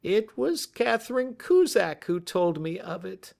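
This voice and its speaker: Shrill, cringing little criminal. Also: male voice, sing-song, measured pace, vocal fry, darkish tone, heavily acted. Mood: nervous, agitated. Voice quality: cracked, shrill voice. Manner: pleading, servile, quavering. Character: cringing, terrified small male thief, pleading for mercy. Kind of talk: audiobook character voice.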